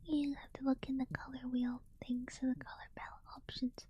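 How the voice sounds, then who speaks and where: A sleepy woman whispering softly as she chats with her stream and reads a book aloud. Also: sits high, little pitch movement, brisk, husky, muffled recording. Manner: soft unvoiced whisper throughout. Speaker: livestream host. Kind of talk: whispered casual stream chat and reading aloud.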